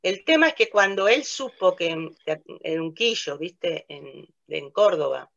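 This older woman from Italy, who works as a theatre narrator and director, tells her story as an interview guest, casual and hesitant, laughing often amid many fillers and restarts. Her lowish voice is gravelly, fairly bright and expressive at a measured pace. The muffled audio comes from a webcam facing her on a video call in a small room with a plain light wall.

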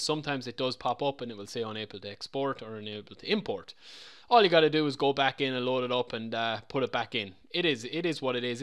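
Brief: casual male tutorial presenter, mid-pitch, loose and repetitive delivery. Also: fairly bright tone, clear, resonant tone. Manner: chatty, loose, repeats himself. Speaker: game modding tutorial presenter. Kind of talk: casual screen-recorded tutorial.

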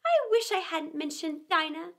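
A woman's voice: very high voice, sing-song, slow pace, fairly bright tone, voice pushed up, full character voice. A woman voicing a polite, eager young girl in a storybook read-aloud, sometimes pleading. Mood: melancholy.

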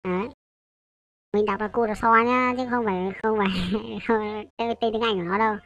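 A woman's voice: mid-range voice, fairly even intonation, fairly quick, a bit bright, lo-fi sound. A woman, talking through a programming tutorial in a loose, hesitant way. She corrects herself and keeps checking in with her listeners. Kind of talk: casual coding tutorial.

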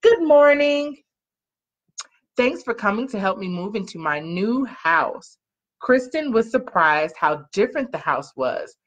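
Unhurried and full of big pitch swings, a mid-range female voice reads a children's storybook expressively from a small living-room couch. She acts like a parent reading to kids, lingering on key words and prompting questions, while the arm's-length webcam or laptop mic leaves the audio muffled and lo-fi.

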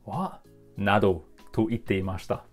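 A man's voice: sits low, steady tone, faint music behind. British man drilling English words in Japanese. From Britain. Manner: repeats each word slowly three times. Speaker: English teacher. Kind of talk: vocabulary lesson with repeated word drills.

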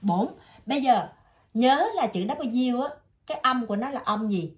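Southern Vietnamese woman, English tutor, a bit high-pitched, patient drilling style. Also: animated. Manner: patient, drills words slowly and repeatedly. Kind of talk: one-on-one vocabulary lesson.

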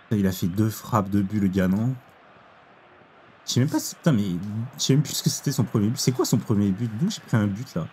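A young man commenting on his own football video game match, excitable, exclaiming and groaning at each play. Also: lowish voice, brisk, a little hiss or hum. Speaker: gaming YouTuber. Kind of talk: live gameplay commentary.

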